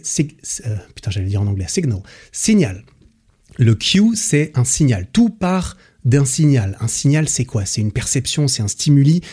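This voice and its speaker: A man's voice: mid-range voice, mellow, husky. A man hosting a podcast, summarizing a book in a chatty, enthusiastic way with slang and frequent fillers. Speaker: podcast host.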